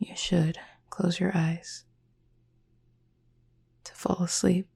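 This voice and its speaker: A woman performs a sleep-aid roleplay as a cupid roommate who is calm, proud and caring, speaking in a fairly low, husky, breathy half-whisper. Her delivery is heavily acted, with measured, formal and gently teasing phrasing, creating a soothing, reassuring mood.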